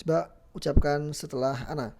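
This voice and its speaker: A Quran recitation teacher giving a tajwid lesson. The teacher explains the letters patiently, repeats each sound slowly, and chants drawn-out recited examples. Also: medium pitch, fairly even intonation, creaky, mellow.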